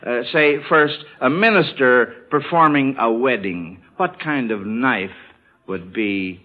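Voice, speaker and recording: In a slow, expressive, medium-pitched voice, a man hosts a 1940s-style children's radio quiz, chuckling folksily and often repeating answers back. The old recording sounds dull and band-limited.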